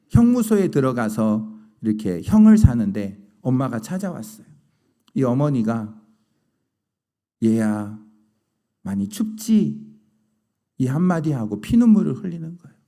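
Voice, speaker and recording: A man's voice: mid-range voice, sing-song, moderate pace, dark tone. A middle-aged male pastor preaching a sermon, telling stories and asking the congregation rhetorical questions.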